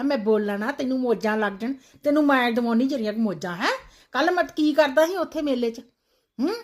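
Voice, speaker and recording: A woman from Punjab, India, with a fairly high voice, performing a comic scolding monologue. She nags and complains, with sudden sharp rises and drops. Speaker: village vlogger.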